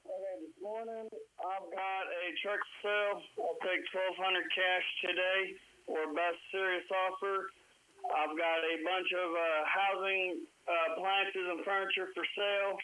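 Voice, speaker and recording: A man's voice: sits high, steady tone, measured pace, bright, forceful tone. A man calling in to a radio show with his phone held far from his mouth, so he sounds distant and faint, reading off short listings. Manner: terse, lists items and numbers in short bits. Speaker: caller selling items. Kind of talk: call-in classified listing.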